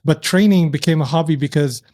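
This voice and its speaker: A man's voice: on the high side, fairly quick, warm tone. A man from Syria, an entrepreneur, speaking reflectively as a podcast guest, often restarting his sentences. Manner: reflective, thoughtful, with frequent restarts. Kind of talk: casual interview.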